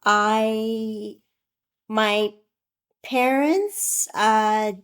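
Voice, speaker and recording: A woman's voice: a little high, drawn-out words, fairly bright tone, clean tone. A woman in her twenties from Iraq, a podcast guest telling her story thoughtfully and candidly. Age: 20s. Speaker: guest, author. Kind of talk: interview.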